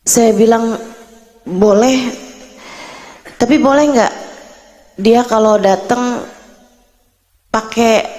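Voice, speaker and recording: Slow-speaking gentle woman preacher. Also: medium pitch, big-room sound, poor audio. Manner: gentle, retells a story with quoted voices. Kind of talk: religious talk with story.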